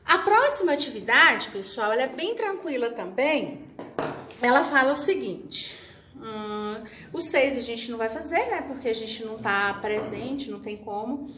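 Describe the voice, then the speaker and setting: A woman's voice: on the high side, lively intonation, moderate pace, pushed and bright. A Brazilian woman teacher recording a class for young children, chatty, talking about herself in the third person and acting out her pupils' questions. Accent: Brazilian Portuguese. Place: classroom or room at home with a whiteboard. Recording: echoey room, faint background noise.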